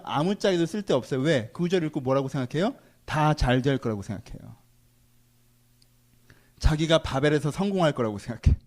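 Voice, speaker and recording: A man preaching a sermon in a high, lively voice that leaps around his range. He challenges the congregation with rhetorical question after question. He moves between forceful exhortation and soft, low asides. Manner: swings between loud exhortation and quiet asides. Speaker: pastor.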